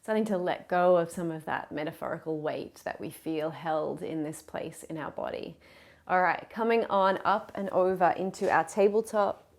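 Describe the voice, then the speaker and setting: A lower-voiced woman gives guided yoga class instruction in a gentle tone. As the teacher, she cues breath and movement encouragingly and without rushing.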